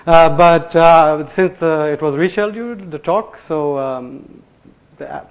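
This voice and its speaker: A man's voice: fairly high pitch, unhurried, smooth. Chatty man giving a live tech talk. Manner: loose and chatty, many fillers and restarts, laughs at himself. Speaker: conference presenter. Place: lecture room before an audience.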